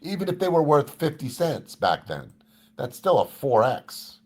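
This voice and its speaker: A man's voice: on the high side, big pitch swings, unhurried, a little mellow, husky. A man teaching options trading in a casual live Q&A, thinking aloud and reading figures off a screen. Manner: conversational, thinks aloud with restarts, walks through numbers on screen. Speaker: trading educator.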